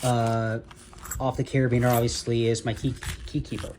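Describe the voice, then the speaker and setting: A man's voice: mid-range voice, level tone, moderate pace, background noise. Rambling man showing off duty gear. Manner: rambling, self-correcting, laughs at own slips. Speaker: security officer reviewing duty gear. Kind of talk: casual gear walkthrough.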